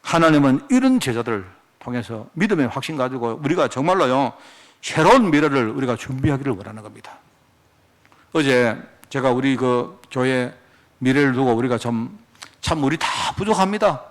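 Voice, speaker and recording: A man's voice: mid-range voice, lively intonation, moderate pace. A male pastor preaching a sermon, firing off rhetorical questions as he goes.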